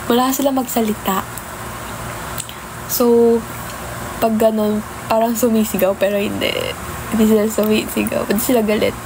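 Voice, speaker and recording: A woman's voice: on the high side, flat delivery, normal speed, long pauses, background noise. A young woman chatting casually on a phone livestream, greeting viewers by name and mixing in English. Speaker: idol livestreamer. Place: home, early morning.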